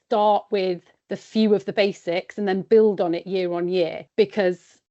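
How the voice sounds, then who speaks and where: A woman's voice: medium pitch, steady tone, unhurried, mellow. A woman from West Wales, speaking in a chatty, practical way as an independent sheep consultant in a podcast interview. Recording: dull, lo-fi sound.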